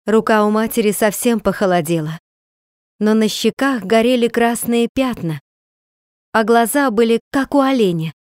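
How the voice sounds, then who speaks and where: A woman narrating a storybook in a calm, measured reading voice. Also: fairly high pitch, no room sound, clean studio sound. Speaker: audiobook narrator. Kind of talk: scripted narration.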